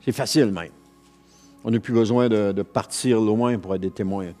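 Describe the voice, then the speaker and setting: A man's voice: fairly low pitch, normal speed, mellow, soft background music. A man with a Quebec French accent preaching a sermon as pastor, earnest, repeating phrases and restarting lines as he goes.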